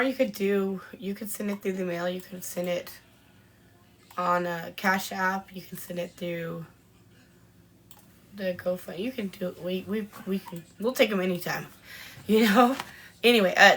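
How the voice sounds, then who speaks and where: A woman co-hosting a podcast in a casual live-stream chat, chatting as she answers viewer comments with frequent ums and pauses. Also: mid-range voice, a bit bright, a little hiss or hum. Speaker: podcast co-host.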